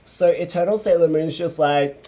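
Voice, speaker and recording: A woman's voice: deep voice, normal speed, dark tone. A young woman in an escalating comedy rant, casually retelling a story with exasperated, dramatic emphasis and plenty of swearing and slang. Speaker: fan commentator.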